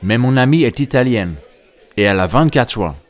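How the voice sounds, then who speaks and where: A man reading a slow, clearly articulated listening dialogue for a language lesson. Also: mid-range voice, animated, a faint crowd.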